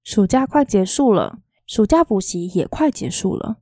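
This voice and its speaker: A woman reading a novel aloud in a soft, quietly lilting storytelling voice. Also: mid-range voice, animated, normal speed, no room sound, studio quality. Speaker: audiobook reader.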